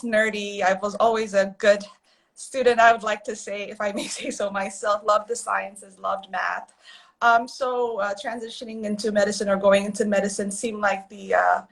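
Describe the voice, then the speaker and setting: Woman from Ethiopia with a gravelly edge. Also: mid-range voice, a bit bright. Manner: easygoing, lightly hesitant. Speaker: guest, radiologist. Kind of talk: casual live-stream chat.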